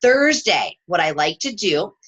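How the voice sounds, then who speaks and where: Woman, fitness coach, live team chat, bright forceful voice, lowish pitch, computer mic at home. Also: sing-song, measured pace, rough recording. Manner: upbeat and chatty, checking in with "okay?".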